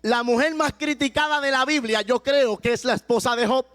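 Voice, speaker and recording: A man preaches with a very high voice, slowing his words and raising them to a shout to drive points home. Faint music plays under his sermon. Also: clear, resonant tone. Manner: impassioned preaching, slows and shouts for emphasis. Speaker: pastor.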